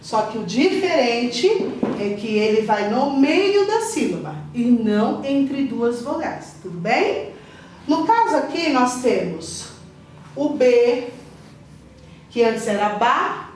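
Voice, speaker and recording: A woman teacher, explaining letters and syllables to parents in a slow, patient way and checking in often. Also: on the high side, lively intonation. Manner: slow, patient, repeats syllables and asks "tudo bem?". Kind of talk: literacy lesson for parents. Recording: echoey room, voice from a distance, faint hiss.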